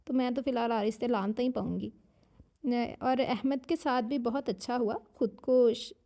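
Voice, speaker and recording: A woman with a sore, hoarse throat, chatting casually as a channel host while reading viewer comments, slipping English phrases into her speech. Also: on the high side, a little mellow. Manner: talks while eating. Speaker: novel narrator and channel host.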